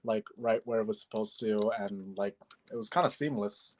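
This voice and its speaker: A man's voice: lowish voice, normal speed, noisy background. A man in his twenties from Bangladesh, a musician guest chatting casually in an interview, with many fillers and easy laughs. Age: 20s.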